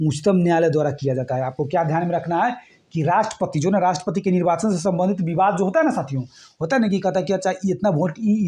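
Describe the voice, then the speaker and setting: A man's voice: high-pitched, dark tone. A man teaching an exam-prep lesson, repeating points and checking in with the class. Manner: repetitive, keeps checking "ठीक है?" with listeners.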